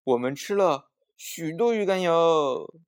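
A man's voice: fairly high pitch, expressive, takes it slowly, voice pushed up. A man voicing a pouty, competitive little boy who talks in a huffy, insistent way. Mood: excited.

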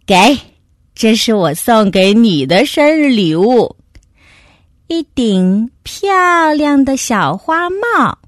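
A woman voicing a big, kindly male bear in a children's story, speaking deep and earnestly. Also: sing-song, slow, dry recording, studio quality. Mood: warm. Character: big kindly bear brother, easily upset.

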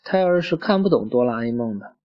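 A man voicing a bossy little girl who plays house in a storybook reading, his voice lifted higher. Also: animated, fairly quick, lightly acted. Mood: pretend-grown-up. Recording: muffled lo-fi recording.

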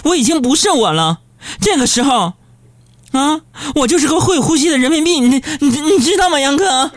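A man's voice: very high voice, animated, moderate pace, pitched above the performer's own voice. A man voicing an exasperated young woman coworker who rattles off a long complaint. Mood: indignant.

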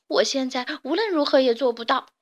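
A small, tearful fox girl, as a woman reader puts her on, her voice whimpering and pleading. It sits a little high and bright, like a shy child in a storybook. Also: fairly quick, lo-fi sound. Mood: conflicted. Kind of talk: children's audiobook character voice.

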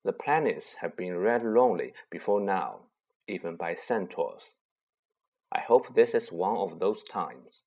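A solemn male centaur from a storybook, as a male narrator puts him on, speaking low and slow with a soft husk. Every word is weighed and grave, and the centaur stays calm and wise throughout. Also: breathy edge, heavily acted. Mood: gentle. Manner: slow, measured, hushed delivery.

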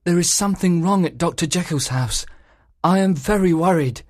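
A man's voice: a little high, moderate pace, no room sound, studio quality, lightly acted. A man playing an anxious, deferential old-school servant. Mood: worried. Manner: anxious, respectful, addresses others as sir. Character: worried frightened male servant, polite and deferential. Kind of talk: audiobook drama reading.

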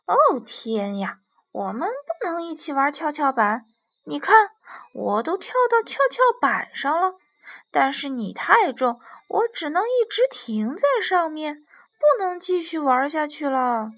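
An excitable little monkey from a children's storybook, played by a woman. It exclaims loudly and keeps its energy up. The voice is high, with a gravelly edge. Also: unhurried, exaggerated voice. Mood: excited. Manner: loud, exclaiming.

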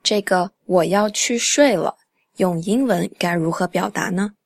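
A young woman with a slightly low voice teaches English in a casual podcast style, chatting easily and repeating phrases slowly. The recording is dry and close, with no room sound. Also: gravelly, dry recording.

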